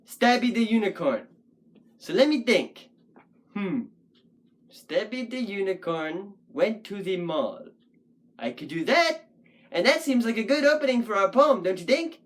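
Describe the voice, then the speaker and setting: A performer voicing a shaggy, goofy talking wolf puppet who hosts the show, rambling and thinking out loud in a casual puppet vlog. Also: medium pitch.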